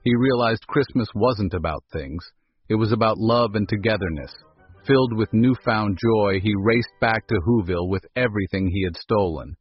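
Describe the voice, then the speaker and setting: A man narrating a scripted storybook in a calm, measured manner, over a dull recording with faint music. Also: fairly low pitch, breathy edge, no room sound.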